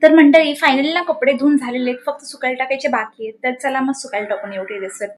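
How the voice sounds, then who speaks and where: Young female vlogger, high-pitched and chatty, light background noise. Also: steady tone, quick pace. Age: young adult. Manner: chatty, addresses viewers directly. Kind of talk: casual vlog narration.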